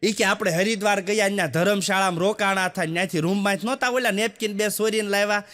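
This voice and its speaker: A man's voice: high-pitched, fast, a bit bright, a little hiss or hum. A man telling jokes on stage, slipping into the voices of the villagers and family members in his stories. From Gujarat, India. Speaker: stand-up comedian. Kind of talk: Gujarati stand-up joke telling. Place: stage show with a live audience. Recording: long hall reverb.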